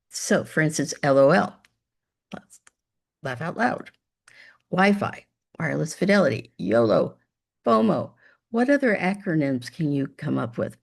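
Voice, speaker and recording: A woman's voice: sits low, gravelly. A woman teaching a demo math lesson over screen share, upbeat and chatty, talking to imagined students.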